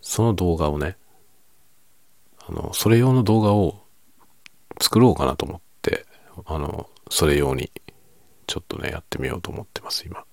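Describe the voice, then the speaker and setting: A man chatting casually and quietly, as if late at night, in a soft, low-volume voice that sometimes drops toward a whisper. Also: expressive, normal speed, long pauses, dry recording. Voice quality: low, gravelly, husky. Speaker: video creator and host.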